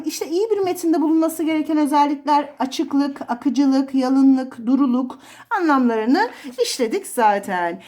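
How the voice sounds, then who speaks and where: A woman's voice: sits high, a little mellow. A woman literature teacher giving an explanatory exam review lesson, listing terms with frequent fillers.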